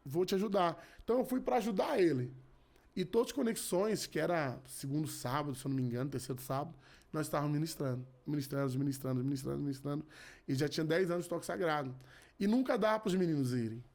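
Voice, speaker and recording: A man's voice: on the high side, fast, vocal fry, a little mellow. Earnest man telling his faith story. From Rio de Janeiro. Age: 30s. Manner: earnest, repeats phrases, many restarts. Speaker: podcast guest, gospel musician. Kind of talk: casual testimony.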